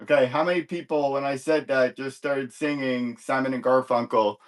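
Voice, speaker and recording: A man's voice: mid-range voice, steady tone, moderate pace. A man hosting a live comic book sales stream in casual chat, rambling and easygoing as he corrects himself and cracks light jokes.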